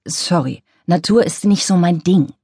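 A woman's voice: fairly low pitch, measured pace, vocal fry, dark tone, breathy edge, no echo, clean studio sound, full character voice. A woman as a put-upon friendly office worker. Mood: defensive. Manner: defensive, patient.

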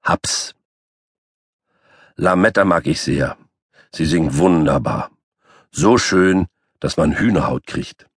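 A man's voice: rumbling low, lively intonation, takes it slowly, pauses often, breathy edge, no echo, clean studio sound. A man narrating a children's audiobook as a boastful, grumpy three-legged tomcat. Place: recording studio. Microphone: close studio mic.

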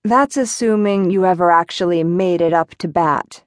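A woman's voice: fairly low pitch, normal speed, dry recording, clean studio sound, natural voice. A woman voicing a prickly, aloof young woman in an audiobook, curt and haughty. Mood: cool.

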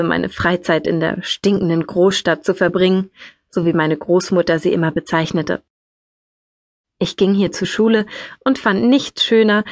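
A woman reading an audiobook in first person, in a lively storytelling manner on a close studio mic. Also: dry recording. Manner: lively storytelling, rises in pitch for quoted speech. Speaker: audiobook narrator. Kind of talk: scripted first-person narration.

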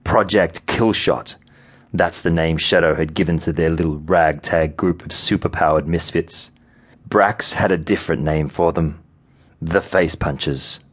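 A man narrating a novel in an audiobook, with measured, vivid storytelling. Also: very deep voice, husky. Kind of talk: scripted narration.

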